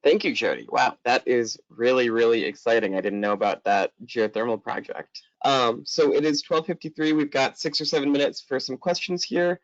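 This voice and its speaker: A man's voice: medium pitch, moderate pace, few pauses, no echo. A man moderating a webinar, thanking the speaker and reading out audience questions in a friendly way. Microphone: video call. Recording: dry muffled lo-fi audio.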